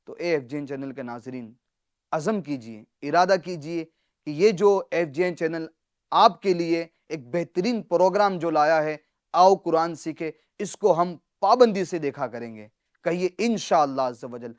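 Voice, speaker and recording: A man hosting a televised Quran lesson, teaching earnestly and preachily, repeating phrases for emphasis and dropping to a hush for solemn words. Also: on the high side, clean tone, no room sound, clean studio sound. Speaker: Quran recitation teacher and TV host.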